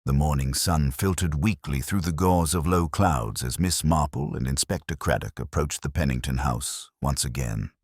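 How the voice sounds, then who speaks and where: A man narrating a detective mystery story in a calm, measured storytelling manner. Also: extremely low pitch, slightly rough, no room sound, studio quality. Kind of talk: scripted audiobook narration.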